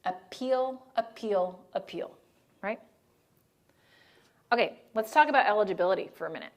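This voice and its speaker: A woman speaking at medium pitch and a moderate pace delivers a training presentation on disaster assistance. She keeps a casual, conversational style, checking in with the group through "right?" and "okay?"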